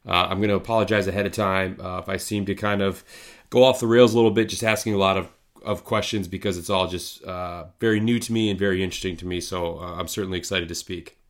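Male podcast host, casual and rambling, lowish voice. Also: quick pace. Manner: relaxed, rambling, lots of fillers.

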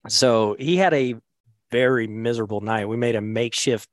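Man, casual podcast guest, lively storyteller, dry close sound. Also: mid-range voice, normal speed, dry recording. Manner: laughing, animated storyteller with lots of fillers.

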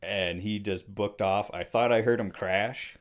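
A man from Michigan, co-host of the show, excitedly retelling a story in casual chat. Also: lowish voice, a little slow. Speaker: co-host telling a hunting story.

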